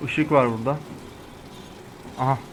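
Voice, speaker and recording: A man's voice: medium pitch, fairly even intonation, normal speed, slight background noise. A man in his twenties from Turkey giving let's play commentary, jumpy and swearing a lot, with frightened outbursts. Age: 20s. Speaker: gaming channel host.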